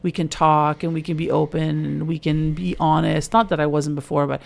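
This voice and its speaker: A middle-aged woman, co-hosting a podcast in casual, animated chat, full of "like". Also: low-pitched, fairly quick, creaky. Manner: chatty, fillers of "like", animated storytelling. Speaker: podcast co-host.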